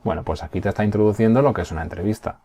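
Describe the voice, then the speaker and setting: A man teaches a primary class, his deep, mellow voice carrying a slight husk. He explains patiently one step at a time and keeps checking that the pupils follow. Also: racing. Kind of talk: recorded remote class.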